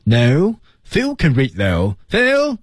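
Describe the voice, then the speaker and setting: A male radio host teaching English in a bilingual lesson, often breaking into English phrases with big exaggerated pitch jumps to demonstrate them. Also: very animated, normal speed, dark tone, slightly rough, no echo, clean studio sound. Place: radio studio.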